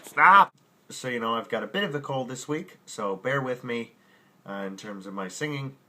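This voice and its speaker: A man with a medium-pitched, expressive voice talks at normal speed in a pushed, bright tone, with a slight hiss or hum on the recording. These are casual outtakes from his music lesson podcast, taught at the piano, where he keeps flubbing lines, laughing at himself and muttering curses as his own piano or guitar plays.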